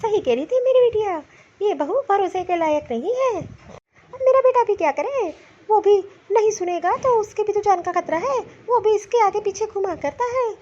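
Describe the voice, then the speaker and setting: A woman's voice: very high voice, animated, normal speed, a little mellow. A woman voicing a weary, grumbling elderly mother-in-law in a cartoon who mutters complaints to herself. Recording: dull lo-fi sound.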